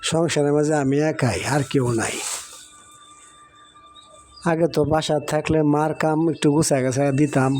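A man voicing a polite, gentle young man in a cartoon. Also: on the high side, little pitch movement, moderate pace, pauses often, slight background noise, close to an everyday voice. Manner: gentle, respectful. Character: polite young man, recently graduated son.

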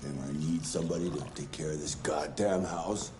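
An actor playing a volatile, abusive middle-aged father in a video game, snarling and breaking into shouts. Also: a bass voice, fairly even intonation, fairly quick, over music. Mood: bitter.

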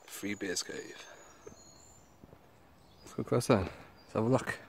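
A man's voice: lowish voice, takes it slowly, vocal fry, darkish tone, a little hiss or hum. A man casually narrating a walking vlog while exploring woods and caves, exclaiming at what he finds. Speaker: vlogger. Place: woodland outdoors and inside a cave. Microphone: handheld camera mic.

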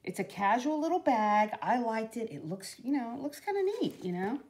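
At her craft table at home, a middle-aged vlogger demonstrates a project and rambles along with frequent "you know"s. Her voice sits on the high side and is a little mellow. Her intonation is lively at a moderate pace.

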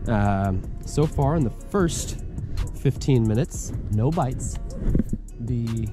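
Speaking slowly and with animation, a man with a medium-pitched voice and an American accent hosts a casual fishing vlog outdoors by a pond. He chats with viewers in folksy, colloquial slang while music is laid over his speech.

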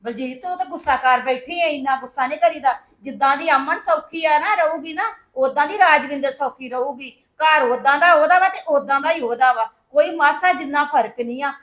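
A woman plays a persuasive sister in a family drama. Her voice sits high, and she keeps coaxing and pressing her point. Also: normal speed, few pauses, a bit bright. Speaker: actor in a family skit. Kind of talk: scripted Punjabi family drama.

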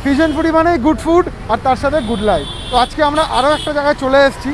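Man, face mask muffling his voice, rapid talk, eager food-vlog host. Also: extremely high pitch, low-quality recording. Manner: chatty and enthusiastic, mixing English into Bengali. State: talking through a face mask. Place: roadside tea stall by a busy road, outdoors. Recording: faint outdoor traffic noise. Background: traffic noise.

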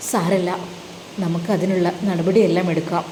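A woman's voice: fairly low pitch, level tone, normal speed, dark tone, roomy sound, long reverb tail, a little hiss or hum, close to an everyday voice, low-quality recording. A woman voicing a devoted male religious teacher who firmly consoles his frightened wife. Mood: firm consoling. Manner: firm, consoling, determined.

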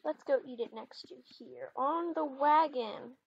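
A mother hosting a gaming video with her daughter speaks at a measured pace in a high, creaky voice, chatting casually in role-play over the gameplay. The recording is muffled.

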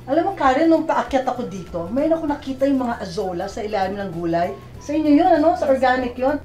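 A woman's voice: high-pitched, quick pace, echoey room, faint music behind. A middle-aged woman with a Filipino accent hosting a magazine show, switching between Tagalog and English. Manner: mixes Tagalog and English, lively. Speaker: host.

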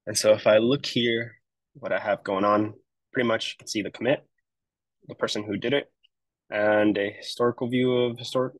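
A man's voice: lowish voice, dry recording, poor audio. A man on a marketing web team giving a casual, explanatory screen-share walkthrough of a project he set up, with frequent fillers. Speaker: web developer.

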